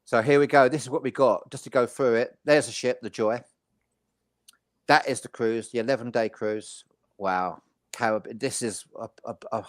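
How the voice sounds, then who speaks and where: A man of medium pitch hosts a casual chat, presenting details and prompting others. The sound is very dry, with no room echo. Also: fairly bright tone. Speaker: host.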